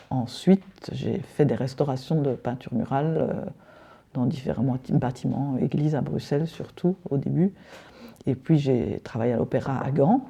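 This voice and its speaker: Woman, middle-aged, gravelly, very dark tone, hesitant with fillers. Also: extremely low pitch, muffled recording. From Belgium. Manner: hesitant, many fillers and restarts. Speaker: decorative painter, interview guest. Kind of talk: interview answers.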